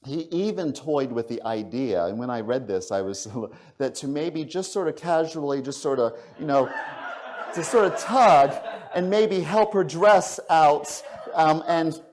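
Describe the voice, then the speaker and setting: Animated storytelling male minister. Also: a little high, a little slow. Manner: animated storyteller, acts out quoted dialogue, chuckles often; drops to a soft, intimate hush for reflective passages. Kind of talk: sermon with storytelling. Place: church sanctuary.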